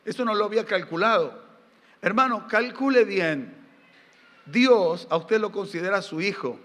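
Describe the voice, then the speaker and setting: A man's voice: high voice, animated, unhurried, fairly bright tone. A middle-aged man with an Argentine accent preaching a sermon, firing rhetorical questions at the congregation and telling folksy family anecdotes. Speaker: pastor. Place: church sanctuary during a live service. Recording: reverberant church hall.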